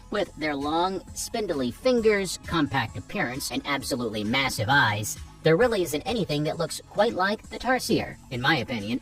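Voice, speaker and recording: Reading from a script, a chatty narrator counts down animals in a nature documentary list video, addressing viewers directly with playful side comments. The voice is medium-pitched and fairly bright, captured from a distance in poor audio over background music.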